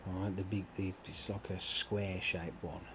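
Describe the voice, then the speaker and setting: A man with a fairly low voice rambles in a relaxed way while he plays, full of ums and offhand swearing. A steady noise hums under his talk throughout the recording. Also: a little slow. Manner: meandering, swears casually, many fillers. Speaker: gaming channel host. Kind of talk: rambling chat over gameplay.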